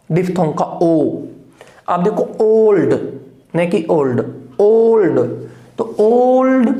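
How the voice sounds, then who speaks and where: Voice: medium pitch, mellow, roomy sound. An English teacher giving a phonetics lesson, saying each word again and again and setting the right pronunciation against the wrong one.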